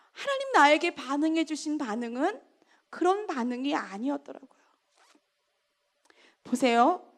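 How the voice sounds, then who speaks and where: A woman evangelist telling a story in a sermon, acting out scolding lines in loud, lively bursts. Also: sits high. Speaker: evangelist preaching.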